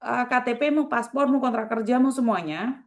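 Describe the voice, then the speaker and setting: A woman's voice: fairly high pitch, moderate pace. A woman hosting a video call, soothing and urging a worker, repeating her words. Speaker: host advising migrant workers.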